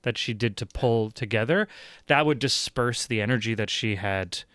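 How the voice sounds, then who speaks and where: A man running a tabletop game as game master, explaining rules and story in a measured way with frequent fillers. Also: medium pitch, a bit bright, smooth, no room sound, studio quality. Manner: measured, thinking aloud with fillers.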